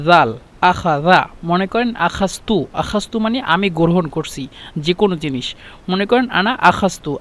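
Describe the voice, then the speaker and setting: A man teaching an Arabic lesson, explaining slowly and repeating words and letters one at a time. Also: high-pitched, fairly bright tone. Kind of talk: spoken language lesson.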